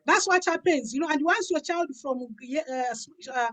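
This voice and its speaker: A pastor in her 50s from Africa speaks conversationally about her health and business testimony, repeating phrases emphatically for stress. Her voice is high-pitched, with lively intonation and a moderate pace.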